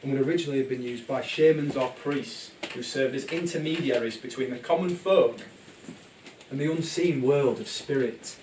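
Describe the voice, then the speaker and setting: A man with a medium-pitched voice, speaking at a moderate pace, narrates a live puppet show in a comic, theatrical, playful and exclamatory style. It's a live bootleg recording, very noisy, roomy and distant.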